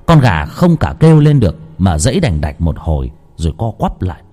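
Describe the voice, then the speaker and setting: A man narrating a horror story in a dramatic, slow and suspenseful way. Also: deep voice, sing-song, darkish tone.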